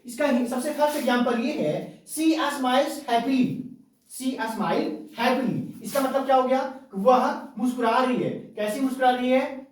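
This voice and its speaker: Woman teacher in an echoey classroom. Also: sits high. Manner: keeps asking rhetorical check questions; repeats each point slowly. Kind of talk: classroom grammar lesson. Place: classroom with students. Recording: very echoey room, voice from far off.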